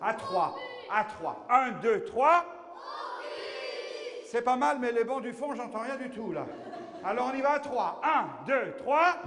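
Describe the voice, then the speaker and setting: A man's voice: extremely high pitch, sing-song, measured pace, pauses often. An older man performing a children's clown show, silly, exclamatory and playfully muddled, addressing his young audience. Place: large school hall, on stage. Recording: echoey hall, children's crowd noise.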